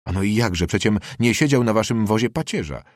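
A man's voice: lowish voice, expressive, a little fast, no room sound, clean studio sound, lightly acted. A man playing a poor, earnest teenage student who answers politely and deferentially, in an audiobook reading.

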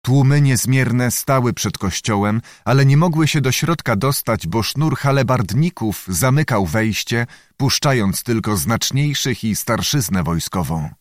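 A man narrating a historical novel as an audiobook, in a measured, solemn reading. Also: mid-range voice, expressive, dry recording, studio quality.

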